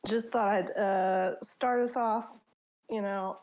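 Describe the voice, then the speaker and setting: A woman co-hosting a livestream, joking around in a slow, drawn-out way. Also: mid-range voice, steady tone, a little mellow. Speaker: co-host, streamer. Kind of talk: casual livestream chat.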